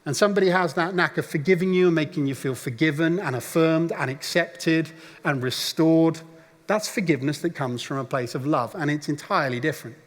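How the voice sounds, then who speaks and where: A man's voice: on the high side, a little fast. A man preaching a sermon, telling a story and now and then acting out the voices of people in it. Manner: storytelling, acts out voices of the crowd. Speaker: pastor. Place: church auditorium. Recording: long church hall reverb.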